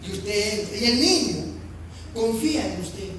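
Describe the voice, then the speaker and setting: A Peruvian pastor with a Peruvian Spanish accent preaches a sermon in a high, bright voice, animated yet unhurried, emphatic and repetitive as he swings from shouting to soft speech. He is heard from a distance in a very echoey church hall with faint ambience and a little hiss or hum.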